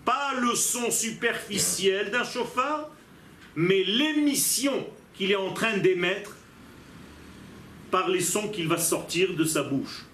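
A man's voice: sits high, expressive, slow pace, pushed and bright, slight background noise. A man teaching a religious lesson as a rabbi, emphatic and posing rhetorical questions to his listeners. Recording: echoey room.

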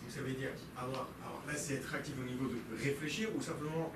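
A man's voice: mid-range voice, steady tone, brisk. A man in a religious class hesitantly asking the teacher questions. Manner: hesitant, tentative. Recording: echoey room, distant, noisy.

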